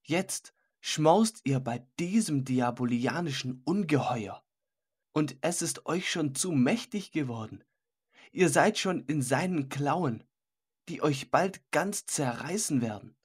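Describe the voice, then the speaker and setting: Man doing a grave old man, solemn, reproachful, slow, husky, audiobook. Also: fairly high pitch, animated, exaggerated voice. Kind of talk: audiobook character voice.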